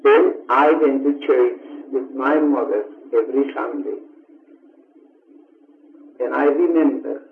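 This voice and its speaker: A woman in her seventies from Finland, a native Finnish speaker, recalls her childhood in an oral history interview, speaking slowly and pausing to search for words. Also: deep voice. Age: 70s. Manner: slow and reflective, pauses to search for words. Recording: tinny, echoey old tape recording.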